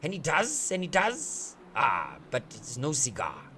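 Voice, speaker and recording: A man giving playful, excitable live commentary on a sim race, joking and swearing as the action unfolds. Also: medium pitch, measured pace, slight background noise. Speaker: sim racing commentator, streamer.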